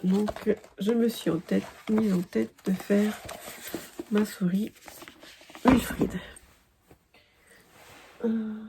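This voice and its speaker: Slow, gravelly-voiced French woman vlogger. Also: medium pitch, steady tone, noisy background. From France. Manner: hesitant, many fillers and restarts. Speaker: crafting vlogger. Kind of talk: casual chat.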